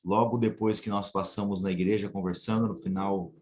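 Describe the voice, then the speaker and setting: A man with a fairly low voice speaks to a congregation as a missionary. He sounds earnest and measured and pauses often as he shares his testimony. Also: fairly even intonation, darkish tone. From São Paulo state, Brazil. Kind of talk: church testimony.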